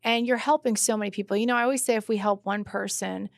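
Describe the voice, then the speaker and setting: A woman's voice: medium pitch, steady tone, fast, gravelly, no room sound, clean studio sound. A woman hosting a podcast interview, effusive and exclamatory in casual chat with her guest. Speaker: podcast host.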